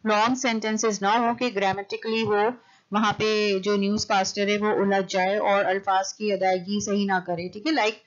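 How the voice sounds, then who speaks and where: A woman lecturer giving a recorded class. She reads English points out slowly and then explains them quickly, checking in with "okay" again and again. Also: mid-range voice, flat delivery. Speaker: university lecturer. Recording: dull lo-fi recording.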